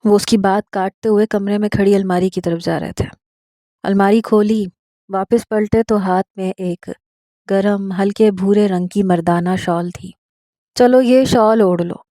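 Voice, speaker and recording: Female novel narrator, steady and mellow, dry booth read. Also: mid-range voice, a little slow, no echo. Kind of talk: scripted narration of a romance novel.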